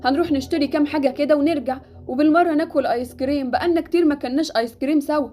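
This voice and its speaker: A woman voicing a gentle mother with an Egyptian accent. The mother speaks tenderly as she comforts her daughter. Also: high voice, very fast, close to an everyday voice. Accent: Egyptian Arabic. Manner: tender and soothing.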